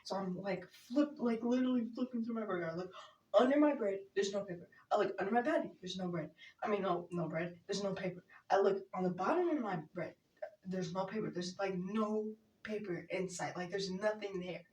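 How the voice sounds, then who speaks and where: A woman's voice: mid-range voice, a little fast, a little mellow. A woman telling a funny story as a vlogger, giggling often and rambling with lots of fillers. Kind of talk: casual storytime. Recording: roomy echo, mic at a distance.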